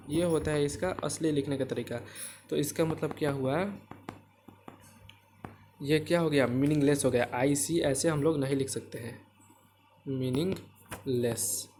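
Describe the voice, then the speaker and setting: A man's voice: fairly high pitch, darkish tone, a little hiss or hum. A man teaching a math worksheet to children, patiently repeating himself and constantly asking "right?" to check they follow. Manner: addresses viewers as kids, patient and drawn out. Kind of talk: classroom-style worksheet explanation.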